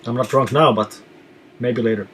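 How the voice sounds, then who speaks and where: A man from Finland who reads out viewer questions and answers them in a relaxed live chat as a touring musician. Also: mid-range voice, normal speed, a little hiss or hum.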